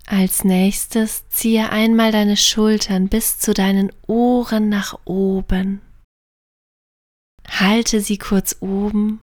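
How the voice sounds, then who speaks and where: A woman narrating a bedtime sleep story and guided relaxation in a gentle, soothing, partly near-whispered voice. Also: medium pitch, dry recording, studio quality.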